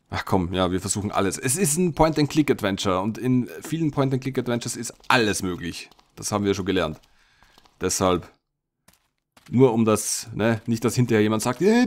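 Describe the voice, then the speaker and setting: A man hosting a let's play, musing and thinking aloud with many hesitations as he plays. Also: on the low side. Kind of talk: casual gameplay commentary.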